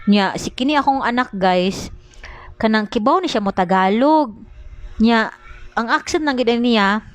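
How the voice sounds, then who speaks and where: A woman's voice: on the high side, expressive, measured pace, no echo. A young woman with a Cebuano accent, chatting casually as a mother vlogging, complaining and mimicking others. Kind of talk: casual vlog chat.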